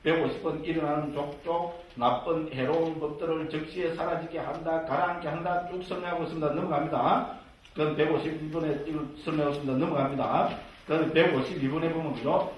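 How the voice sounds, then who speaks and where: Guy, a monk teaching scripture, keeps tossing tag questions at the class, a bit high voice, sounds distant with faint hiss. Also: steady tone, fast talker, muffled recording. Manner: constant tag questions, jokey and conversational. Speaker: Buddhist monk lecturing on scripture. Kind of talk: Buddhist scripture lecture. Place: lecture room with a live audience. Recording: echoey room from far off, faint hiss.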